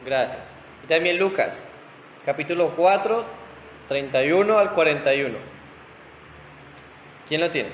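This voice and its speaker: A man's voice: fairly high pitch, lively intonation, unhurried, pauses often, slight background noise. Man, pastor teaching scripture, checks in with the room, dull lo-fi sound. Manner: checks in with listeners, asking "¿Sí?". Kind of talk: Bible study teaching. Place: church hall. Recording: roomy hall echo, dull lo-fi sound.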